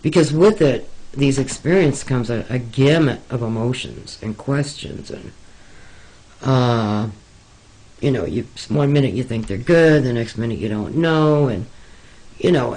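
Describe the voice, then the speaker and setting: A man in an interview, telling his own story slowly and haltingly. He fills the gaps with frequent ums and uhs, and speaks in an earnest, confiding way at an unhurried, dragging pace in a mid-range voice. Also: mid-range voice, lively intonation, a little mellow, slightly rough, poor audio. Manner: hesitant, many pauses and fillers. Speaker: interviewee recounting experiences. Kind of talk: slow, halting personal account.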